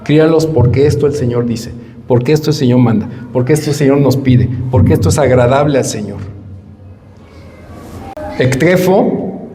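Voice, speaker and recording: A man's voice: mid-range voice, normal speed, pauses often, mellow, long reverb tail, a little hiss or hum. A man preaching a sermon as pastor, stressing points by repeating words and acting out parents and children. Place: church hall.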